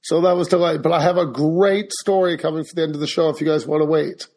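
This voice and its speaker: A man's voice: a little high, fairly even intonation, fast talker, a little mellow. A man co-hosting a podcast in casual, joshing, rambling chat. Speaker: podcast co-host.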